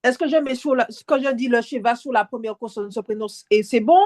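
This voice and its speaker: A woman's voice: on the high side, a little fast, dry recording. A woman student in a one-on-one reading lesson, candid and hesitant, taking notes as she goes.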